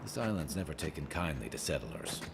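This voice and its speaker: A grim male adventurer companion in a video game. His voice is very deep and moves through a wide, lively pitch range. It is heard beneath heavy background noise. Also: fairly quick, full character voice. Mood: matter-of-fact. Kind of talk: video game character dialogue.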